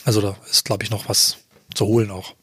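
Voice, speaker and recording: A man musing thoughtfully in a casual podcast chat. His voice is husky and mid-pitched. The sound is dry and close to the mic. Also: flat delivery, a little fast, a bit bright, no room sound. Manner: reflective, musing. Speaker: podcast co-host.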